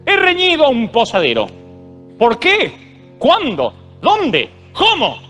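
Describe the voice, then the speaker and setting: Stiff strict schoolteacher lady, high and sing-song, put on by a guy telling a story. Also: huge pitch swings, slow pace, a bit bright, faint music behind, heavily acted. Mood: declaiming. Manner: stiff, declaiming. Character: strict old-school female schoolteacher, stern.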